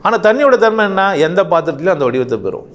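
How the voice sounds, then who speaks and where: A man's voice: sits high, rapid-fire. A man delivering an impassioned monologue, firing off rhetorical questions and swinging his voice up and down sharply. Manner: animated, rhetorical questions, rising and falling sharply. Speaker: speaker.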